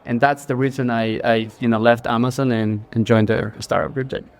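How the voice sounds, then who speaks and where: A live bar audience listens as a forties-aged creative director from Ecuador is interviewed casually on stage. His mid-range voice is brisk with fairly even intonation, and he has an Ecuadorian Spanish accent. He speaks earnestly but keeps restarting and using filler words.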